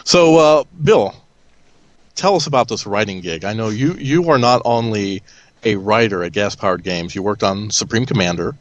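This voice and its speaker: A man with a fairly low, slightly hoarse voice hosts a casual podcast. He sounds like he is getting over an illness. The recording is close and dry. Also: normal speed, no echo, highs cut off. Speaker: podcast host. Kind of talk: casual hosted podcast chat.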